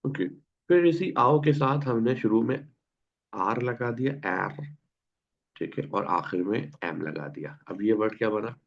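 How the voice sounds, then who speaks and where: Guy teaching an online class over a video call, gravelly voice, quizzes students patiently. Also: mid-range voice, expressive. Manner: patient, quizzes students and repeats words slowly. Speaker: German teacher. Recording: dull lo-fi online class audio.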